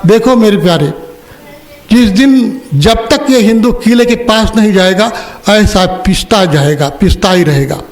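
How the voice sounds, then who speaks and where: Speaking a little slowly in a high-pitched voice with lively intonation, an older spiritual teacher gives a religious discourse. He tells a story and asks his listeners questions in the hall of an ashram opening ceremony.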